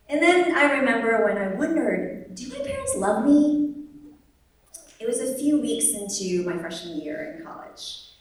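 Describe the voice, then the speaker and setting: Young woman storyteller at a live event, dry humor, animated impressions; distant mic, very roomy hall. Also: fairly high pitch, slow, long pauses. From born in Vietnam, raised in the United States. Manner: wry and humorous, animated, lively quoted voices. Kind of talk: live personal storytelling on stage. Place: large echoey venue at a live event.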